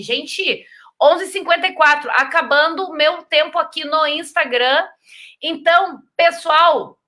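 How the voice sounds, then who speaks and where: A woman with a Brazilian Portuguese accent hosting a casual live stream, chatting, reading viewer comments and sending greetings. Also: high voice. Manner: chatty, warm greetings to viewers, sends kisses.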